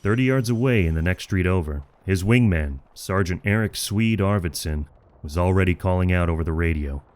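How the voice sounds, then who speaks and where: Reading a military adventure aloud, a male narrator gives a dramatic, scripted performance. His low voice is a little mellow, and his manner stays measured and grave.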